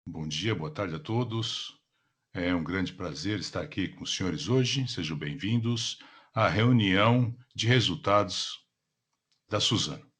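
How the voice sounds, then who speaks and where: A man with a Brazilian accent and a somewhat deep, husky voice interprets live. His delivery is that of a formal business presentation. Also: a little slow, fairly bright tone. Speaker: simultaneous interpreter.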